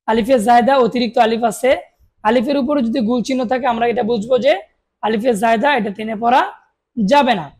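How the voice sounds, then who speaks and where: A woman's voice: a little high, darkish tone. A woman teaching Quran reading, spelling out Arabic syllables one by one and asking listeners to repeat after her, with short explanations of the rules. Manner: slow, drawn-out recitation of each syllable, with short explanations of rules.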